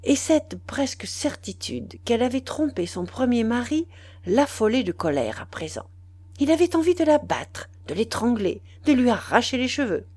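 A woman reading a novel aloud as scripted narration, measured and expressive. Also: fairly high pitch, husky, dry recording. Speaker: audiobook reader.

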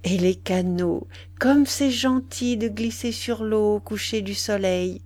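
A sly, composed young wife, voiced by a woman reading aloud. She speaks lightly and a little higher, with a teasing edge. The storybook reading stays slow and measured. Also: darkish tone, close to an everyday voice.

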